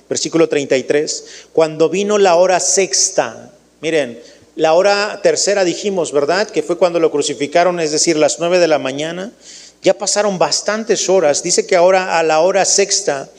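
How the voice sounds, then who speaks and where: A man's voice: a little high, moderate pace, in a large hall. A man with a Mexican Spanish accent preaching a sermon, speaking directly to his congregation as family and often restarting his sentences. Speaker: pastor.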